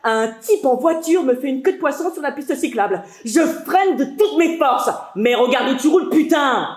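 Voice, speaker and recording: A woman's voice: high voice, expressive, moderate pace. An actress in her twenties performing a stage monologue as a frazzled young after-school worker, in a rhythmic, breathless delivery with sudden outbursts. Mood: frantic. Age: 20s. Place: stage at a theatre festival. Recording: echoey live hall.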